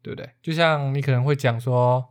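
A man's voice: mid-range voice, steady tone, brisk. A man with a Taiwanese accent hosting a podcast, explaining things casually in an easygoing, jokey way. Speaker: podcast host.

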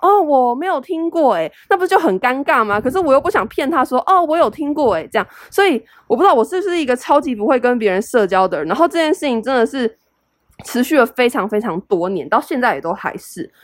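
Fast-talking Taiwanese Mandarin woman. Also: on the high side, big pitch swings, no room sound, clean studio sound. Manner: chatty, self-deprecating, lots of fillers. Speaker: podcast host. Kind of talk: casual solo podcast advice.

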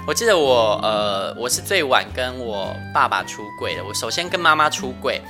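A male podcast host with a soft, thin voice, chatting casually and laughing often with light self-mockery. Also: mid-range voice, sing-song, moderate pace, music in the background. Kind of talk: casual family chat.

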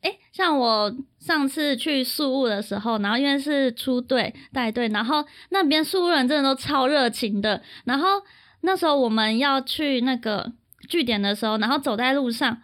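A woman with a Taiwanese Mandarin accent co-hosting a podcast, telling travel stories in a casual, animated way and laughing often. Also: sits high, moderate pace. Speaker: podcast co-host. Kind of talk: casual chat.

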